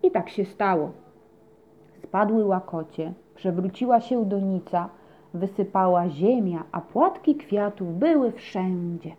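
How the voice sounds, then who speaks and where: A woman narrating a children's story with a gentle, expressive reading. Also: mid-range voice, slow pace. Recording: dull lo-fi recording.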